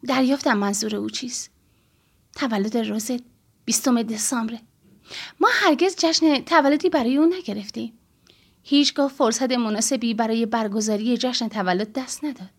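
Calm woman reading an audiobook. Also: fairly high pitch. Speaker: audiobook narrator. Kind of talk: first-person audiobook narration.

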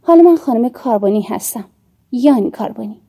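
A woman's voice: fairly high pitch, expressive, warm tone, husky. A woman narrator voicing a guarded working mother in an audiobook, polite and restrained. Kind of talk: audiobook character reading.

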